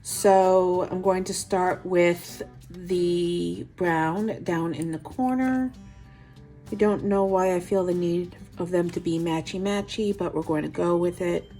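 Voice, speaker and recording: A woman with a New York accent walks through a manicure step by step, chatty and quick to poke fun at herself. Her voice sits a little low, with faint music playing behind her. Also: fairly even intonation, dark tone. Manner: chatty, self-deprecating asides. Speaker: nail art tutorial host. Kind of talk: casual step-by-step tutorial.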